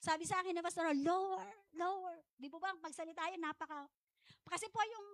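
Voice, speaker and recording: A woman's voice: very high voice, quick pace, fairly bright tone, no echo. A middle-aged woman pastor, preaching a conversational church sermon full of chatty asides. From Philippines. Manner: chatty, digressive preaching with frequent asides and self-laughter.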